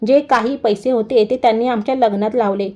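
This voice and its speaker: A woman's voice: fairly high pitch, fairly even intonation, fairly quick, darkish tone, lightly acted. A woman doing a humbled young sister. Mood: tearful. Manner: tearful pleading.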